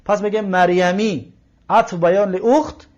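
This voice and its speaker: A man with a somewhat high voice gives a patient grammar lesson. He walks through a text word by word, translating, parsing and repeating phrases. The recording sounds dull and lo-fi. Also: steady tone, a little mellow. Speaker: Arabic teacher. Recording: lo-fi muffled recording.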